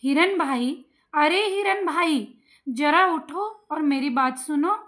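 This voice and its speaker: A woman's voice: high-pitched, slow pace, a bit bright. A woman voicing an eager little boy who pleads in singsong rhymes. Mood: pleading. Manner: singsong rhyming pleas.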